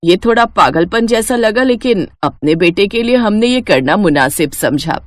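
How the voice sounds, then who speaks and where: Here she voices the same earnest middle-aged mother-in-law for a Hindi family cartoon story, matter-of-factly explaining things in a confessing, relieved tone. The voice sits at medium pitch, expressive and natural, at a moderate pace with no echo.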